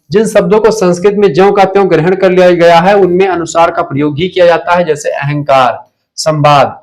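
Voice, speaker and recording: Male tutor, slightly high voice, runs a quick drilling revision class online. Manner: drilling, asks questions then answers them himself. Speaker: teacher.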